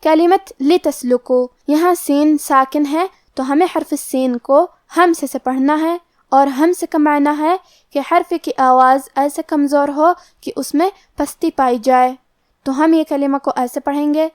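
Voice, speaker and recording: A woman's voice: high-pitched, fairly even intonation, no room sound, clean studio sound. A woman teaching Quran recitation, methodically explaining the pronunciation rule for each letter step by step. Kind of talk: tajweed lesson, explaining pronunciation rules.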